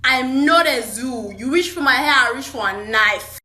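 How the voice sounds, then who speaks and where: A woman's voice: sits high, lively intonation, moderate pace, pushed and bright, roomy sound. A woman ranting sassily to the camera in a casual comedic clip. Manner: sassy, mock-dramatic.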